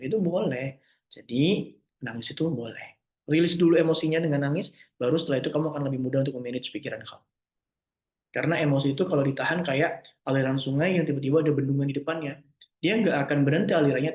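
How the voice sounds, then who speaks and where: Gentle reassuring young man. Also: fairly high pitch, quick pace, reverberant, muffled recording. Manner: loose, forgets terms and restarts. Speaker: host answering listener questions. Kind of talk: casual talk.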